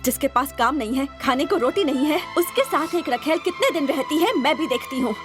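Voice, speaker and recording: A woman dubbing a stern, outspoken female office boss in a film, scolding and sharp-tongued. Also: high voice, animated, a little fast, music in the background. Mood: angry. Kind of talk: Hindi film dub acting. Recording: dubbed film with loud score.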